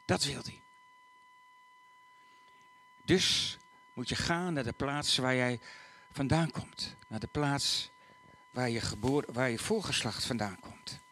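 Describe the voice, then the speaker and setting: A man voicing a formal male herald of the emperor who announces a census in a loud, proclamatory way. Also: mid-range voice, wildly swooping pitch, takes it slowly, pauses often, heavily acted. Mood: proclaiming.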